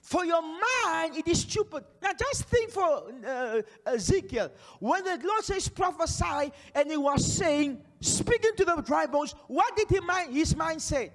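Fiery high-voiced pastor in an echoing hall. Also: male voice, lively intonation, measured pace, hardly any pauses. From Namibia. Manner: fiery, shouting declarations and prophecies; pacing and gesturing energetically. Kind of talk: charismatic sermon. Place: large church stage. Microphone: handheld mic. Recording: long hall reverb.

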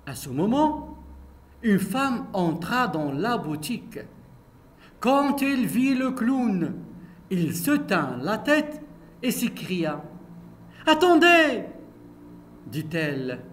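A man's voice: high-pitched, sing-song, slight background noise. A male primary school teacher reading a story and leading a comprehension lesson with his pupils in the classroom. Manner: slow, repetitive, addresses pupils directly.

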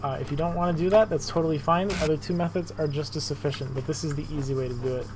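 A man's voice: fairly high pitch, very fast, background noise. Casual man walking through a speedrun. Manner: relaxed, self-deprecating, frequent fillers and repeated words. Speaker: speedrun tutorial narrator. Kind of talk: casual gameplay walkthrough commentary.

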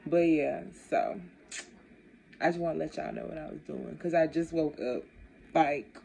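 A woman's voice: low-pitched, a little slow, creaky, mellow, slight background noise. A young woman chatting casually to camera in her bedroom, laid-back and slangy, recorded on a phone at arm's length. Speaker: vlogger. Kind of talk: casual chat. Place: bedroom at home.

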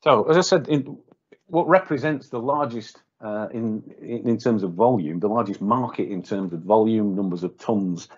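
A man's voice: lowish voice, moderate pace, breathy edge. A man presenting a technical webinar for a welding company, speaking off the cuff with many fillers and repeated words. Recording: dull lo-fi webinar audio.

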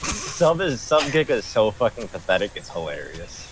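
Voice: medium pitch, sing-song, normal speed, noisy background. A gamer on voice chat, swearing and laughing while telling teammates what to do. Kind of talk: excited multiplayer game chat.

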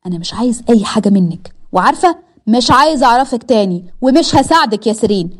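A woman's voice: on the high side, lively intonation, fast talker. Lovesick Egyptian young man, voiced by a woman. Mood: pleading. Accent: Egyptian Arabic. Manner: pleading, indignant.

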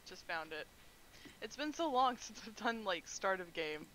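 A woman's voice: medium pitch, lively intonation, normal speed, a little hiss or hum, poor audio. A woman talking casually while she plays a co-op game. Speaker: co-op game streamer. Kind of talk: casual gameplay chat. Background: soft game music.

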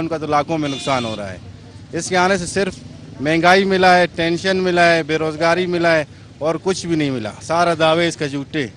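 A man's voice: on the high side, fairly bright tone, slight background noise. A man, a shopkeeper angrily reeling off money losses in a street interview. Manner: angry, reels off figures. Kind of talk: vox pop complaint.

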